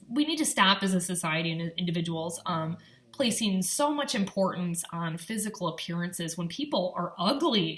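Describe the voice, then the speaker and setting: A young woman vlogger with a mid-range, sharp-toned voice chats casually and encouragingly. She's from Michigan and has a light Upper Midwest American accent; her upbeat talk is sprinkled with many ums and likes.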